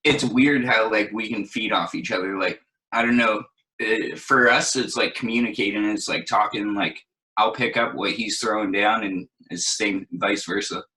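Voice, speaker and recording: A young man with a low-pitched voice but a bright, forceful tone. He talks in a laid-back, rambling way full of fillers, like easy casual chat. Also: fairly even intonation, moderate pace, rough recording. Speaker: guest DJ and producer.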